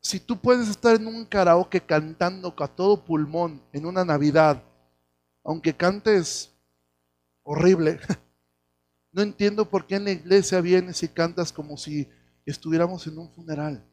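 High-voiced Mexican pastor preaching. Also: male voice, measured pace. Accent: Mexican Spanish. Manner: conversational preaching, addresses listeners directly, rising to loud exhortation. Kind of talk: sermon.

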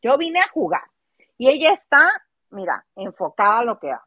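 A woman with a Mexican accent dishes gossip in a loose, animated chat, slipping into other people's voices as she retells scenes. Her voice sits a bit high. The sound is close and dry, with no room around it. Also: moderate pace, no echo. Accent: Mexican Spanish. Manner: animated, mimics people in quotes. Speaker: host.

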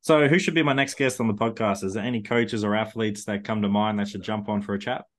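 A man's voice: lowish voice, steady tone, fast. A man speaking casually as a podcast host in an interview chat.

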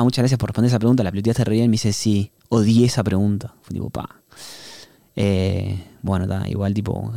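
Young male podcast host, Uruguayan accent, mellow tone, slangy rambling monologue. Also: fairly low pitch, vocal fry, no echo, studio quality. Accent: Uruguayan Spanish. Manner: rambling, slangy, retells conversations. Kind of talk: casual behind-the-scenes monologue.

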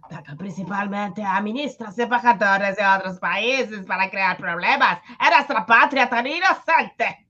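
Woman playing a blustering colonel, forceful and bright. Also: mid-range voice, a little slow, dull audio. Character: blustering, self-important male police colonel in a radio serial. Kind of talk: radio drama acting.

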